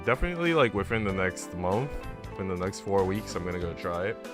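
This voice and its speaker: A man live streams while reading a visual novel aloud, chatting in a slangy, conversational way and often calling listeners bro and dude. His low voice swings widely in pitch and runs a little fast, with game music behind it.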